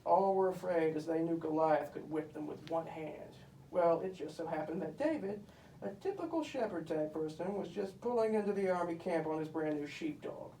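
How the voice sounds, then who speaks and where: A performer voices a boastful, bossy puppet who tells comic Bible tales in a pompous, emphatic, mock-scholarly way, full of self-importance. The voice is mid-range, dark-toned and close to everyday speech, at a moderate pace. It was recorded with a distant mic in an echoey room with faint noise.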